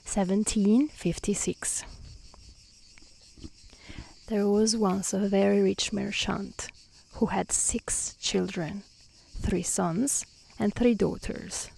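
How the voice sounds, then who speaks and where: An Italian-accented woman, a streamer and storyteller, reads and chats in a soft, gentle ASMR style outdoors in nature near mountains. Her mid-range voice is slow, husky and touched by vocal fry, and she pauses often, choosing words carefully as a non-native speaker. The recording quality is low.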